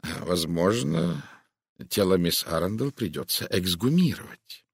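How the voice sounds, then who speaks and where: A man reading an audiobook, voicing a polite, sly older detective who speaks softly and breathily. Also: deep voice, sing-song, unhurried, no echo, studio quality, exaggerated voice. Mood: courteous. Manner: soft, breathy, courteous.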